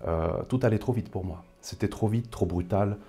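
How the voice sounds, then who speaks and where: This man's lowish voice is dark and slightly rough, moving at a normal speed. A Paris-suburbs native in his thirties, he talks casually as an interview guest, thoughtfully and haltingly, with many fillers.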